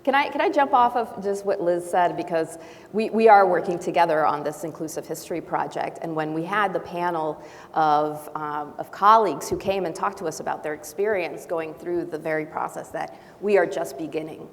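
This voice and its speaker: Speaking in a fairly low voice, a faculty panelist from Brazil and Honduras, whose first language isn't English, takes part in a panel discussion. She pauses to think and sometimes starts over. The large auditorium adds long reverb, with faint background noise.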